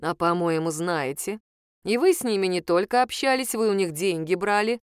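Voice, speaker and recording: A woman reader voicing a shrewd middle-aged female sleuth, who talks in a low, hushed and persuasive way. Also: animated, moderate pace, clear, resonant tone, no echo, studio quality, natural voice. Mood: conspiratorial.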